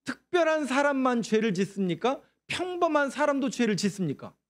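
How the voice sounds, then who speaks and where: A pastor with a high voice preaches in a church sanctuary. He quizzes the congregation and answers his own questions. He slips into pleading tones when he acts out prayers. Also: very animated, fairly quick. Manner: asks the congregation questions and answers them himself; leads responsive scripture reading. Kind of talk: sermon.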